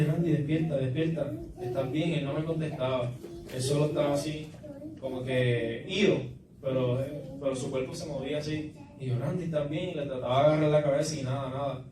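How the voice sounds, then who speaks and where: Young man, church testimony, halting and repetitive delivery, slightly high voice, echoey hall, distant mic. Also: background noise. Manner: halting, repeats words while storytelling. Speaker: testimony giver.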